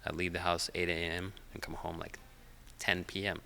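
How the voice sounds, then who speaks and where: A middle-aged man from Finland, a podcast guest whose first language is Finnish, chatting in a relaxed, hesitant way with many fillers. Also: sits low, normal speed, gravelly, slight background noise. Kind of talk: casual interview chat.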